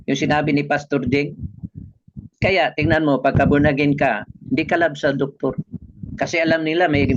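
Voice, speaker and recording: A Filipino man preaching a sermon, mixing in English and asking the congregation "amen?" as he goes. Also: medium pitch. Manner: preaching with call-and-response "amen?". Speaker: pastor. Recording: dull lo-fi recording with background noise.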